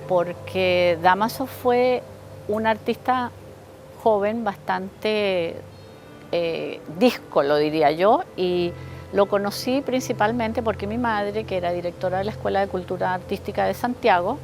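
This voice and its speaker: A woman from Chile, interviewed for a documentary, recalls the past reflectively and pauses to search for words. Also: mid-range voice, darkish tone, faint music behind, poor audio. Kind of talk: interview recollection.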